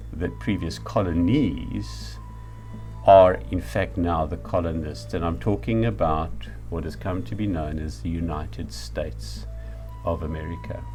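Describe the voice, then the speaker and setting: A middle-aged or older man with a South African accent and a low voice gives a reflective lecture. His delivery is deliberate and emphatic.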